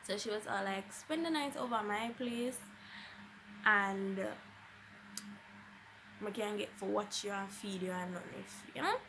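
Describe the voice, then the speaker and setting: With a medium-pitched voice, a somewhat slow pace, and long pauses, a young woman with a Jamaican accent tells her vlog audience a personal story over background noise. She's casual and dramatic, sliding into Patois and acting out what people said.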